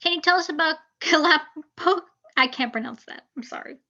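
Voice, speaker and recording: A tiny, eager child begging for a bedtime story and peppering it with questions. The voice is very high and bright. It comes through dull, lo-fi call audio. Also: female voice, normal speed. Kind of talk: table read of a script.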